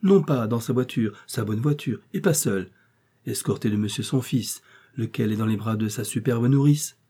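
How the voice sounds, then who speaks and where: A man voicing a witty, ironic gentleman friend who teases in a light, mocking way. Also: medium pitch, moderate pace, breathy edge, close to an everyday voice. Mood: teasing. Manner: teasing, ironic.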